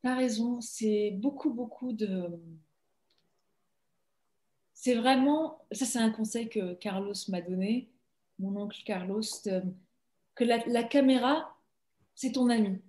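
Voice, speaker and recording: A woman's voice: fairly high pitch, takes it slowly, pauses often, dark tone, echoey room. A young woman from Belgium, an actress, chatting casually and laughing often in an interview over a video call.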